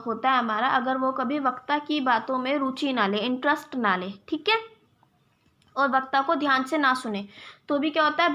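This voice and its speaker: A woman's voice: high voice, sharp tone. A young woman teaching a lesson to students, checking in often and calling her viewers friends. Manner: frequent "theek hai" check-ins, addresses viewers as friends.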